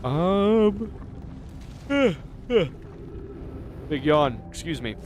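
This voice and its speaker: A livestreamer with a fairly high voice, big pitch swings and drawn-out words chats casually while gaming, swearing and ranting at his chat in mock outrage, then rambling and muttering to himself as he plays. There is a little hiss or hum.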